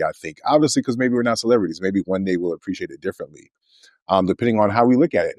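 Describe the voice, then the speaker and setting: A man in his forties with a lowish voice, recorded close and dry. He muses through his points in a reflective, hesitant way during a casual podcast chat. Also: a little mellow, no room sound. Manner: musing, hesitant, reflective, with filler pauses and restarts. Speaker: podcast co-host.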